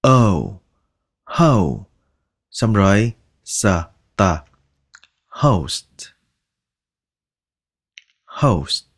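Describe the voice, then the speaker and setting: Male language teacher, low-pitched, unhurried pronunciation drills, patient and coaxing. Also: very animated, husky. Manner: repeats each word slowly, drawing out sounds; patient, coaxing, ends phrases with soft particles. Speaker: English teacher. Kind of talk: slow pronunciation lesson.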